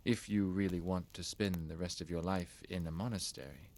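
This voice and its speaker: A man playing a solemn, devout medieval monk in a video game, speaking in a measured, instructive way. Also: low voice, fairly even intonation, a little mellow.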